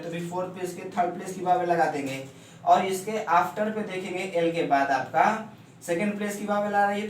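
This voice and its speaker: A man teaching shorthand step by step, explaining at a board in speech and often asking if it is clear. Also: high-pitched. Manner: steady, repeats "ठीक है ना" often. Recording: echoey room, mic far off, faint hum.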